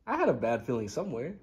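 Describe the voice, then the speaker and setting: A man's voice: mid-range voice, darkish tone. A young man co-hosting a ghost-hunting vlog, teasing and joking in a laid-back way inside an abandoned hospital. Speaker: vlog co-host. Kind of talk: casual chat.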